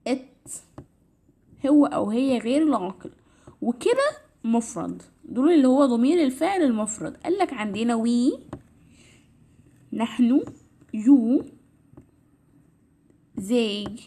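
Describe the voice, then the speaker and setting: A woman's slightly high, warm voice carries lively intonation, unfolding slowly with long pauses. Teaching English grammar in a casual, step-by-step manner with an Egyptian Arabic accent, she often repeats "تمام" and sounds tired, her voice a bit strained.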